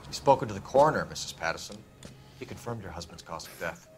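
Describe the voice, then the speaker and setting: An actor playing a stern, by-the-book police detective in a 1940s crime game, firm and formal. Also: male voice, low-pitched, animated, fast. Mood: firm, official.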